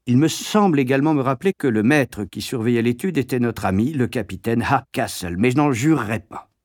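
A man reading a memoir aloud in a measured, wry storytelling manner. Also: mid-range voice, expressive, a little mellow, dry recording, clean studio sound. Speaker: audiobook narrator. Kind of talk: scripted memoir narration.

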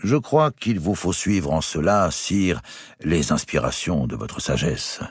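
A cautious old court astrologer, as a male reader puts him on, weighing every word. His very deep, husky voice moves slowly. The sound is dry and close. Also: very animated, dry recording, full character voice. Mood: measured. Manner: slow, measured, careful.

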